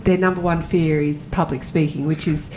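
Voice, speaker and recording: A woman talks in a relaxed podcast chat, her voice sitting a little low for a woman. She is chatty, laughs easily and speeds up in quick bursts. Faint noise hums behind her. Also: rough recording. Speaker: podcast co-host and keynote speaker.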